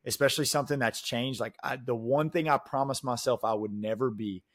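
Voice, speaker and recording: A man in his late twenties telling stories in a casual, animated chat and acting out the people in them. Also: mid-range voice, fairly quick, no echo, studio quality. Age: late 20s. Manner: animated storyteller, full of "dude" and "like".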